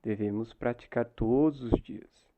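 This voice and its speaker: A man's voice: medium pitch, a little slow, phone-quality sound, slight background noise. A man with a Brazilian Portuguese accent giving a Bible lesson to new converts, explaining patiently and ending many phrases with a questioning tag. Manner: explanatory, tags phrases with frequent "né?". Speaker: church Bible teacher.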